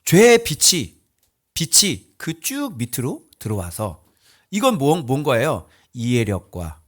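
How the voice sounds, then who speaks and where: With wildly swooping pitch and a measured pace, a male pastor preaches a sermon in an emphatic, colloquial way. He often poses rhetorical questions to listeners, alternating loud outbursts with low mutters.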